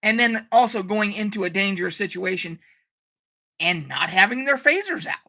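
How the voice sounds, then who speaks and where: A woman's voice: mid-range voice, animated, moderate pace, sharp tone. A woman hosting a casual live stream, ranting animatedly, swearing freely and reading out viewer comments. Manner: reads out viewer chat comments.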